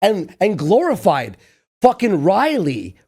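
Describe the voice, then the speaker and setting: A podcast co-host with a gravelly, creaky voice chimes in with casual, mocking commentary. His pitch swings widely, and he swears freely. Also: huge pitch swings, takes it slowly, a little mellow. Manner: interjecting, mocking, profane.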